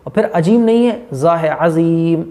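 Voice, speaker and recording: A man with a Hyderabadi Urdu accent giving a religious lesson on correct prayer pronunciation, stretching out model recitations slowly between explanations. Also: on the high side, a little mellow. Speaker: Islamic teacher.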